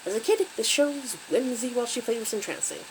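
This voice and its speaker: A woman's voice: fairly high pitch, brisk, noisy background. A woman hosting her channel, recapping a creepy story with wry, conversational asides. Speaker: channel host and story reader.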